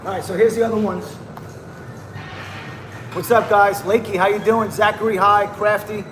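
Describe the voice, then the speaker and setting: Despite his hyped, slangy livestream banter calling viewers "bro" and "man," this high-voiced man has a flat delivery at a moderate pace. There's background noise, music, and an echoey room.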